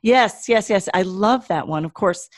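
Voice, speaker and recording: A woman's voice: medium pitch, measured pace. A middle-aged woman with a Michigan accent, chatting casually as a podcast co-host. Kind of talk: casual scripted-topic podcast chat.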